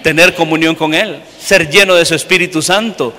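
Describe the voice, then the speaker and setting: A high, bright voice rings out as a pastor preaches to his congregation. He tells his story by acting out each person's lines and swings from loud to soft. His words trail off in the long reverb of a church. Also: normal speed. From Honduras. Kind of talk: sermon.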